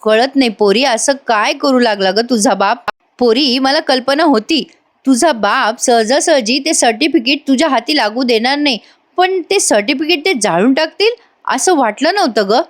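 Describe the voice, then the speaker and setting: A woman's voice: high voice, expressive, normal speed, pitched above the performer's own voice. Give me a woman putting on a doting elderly father-in-law, fretful and bossy, with a raised voice. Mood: consoling. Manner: fussy, scolding then coaxing.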